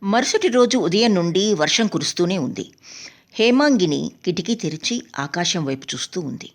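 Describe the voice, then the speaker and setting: A woman narrating an audiobook story in a steady, measured reading voice. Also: on the low side.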